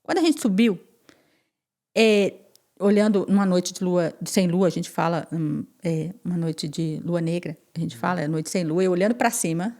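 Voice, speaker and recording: A woman guest on a podcast, telling her personal testimony in an animated way, repeating phrases and acting out what others said. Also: lowish voice, normal speed. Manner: animated, repeats phrases and acts out quoted speech.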